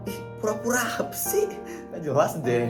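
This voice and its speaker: A man's voice: high voice, very animated, moderate pace. A man voicing a jealous, bratty teenage girl who is confrontational and whiny. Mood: defensive. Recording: roomy recording with background music.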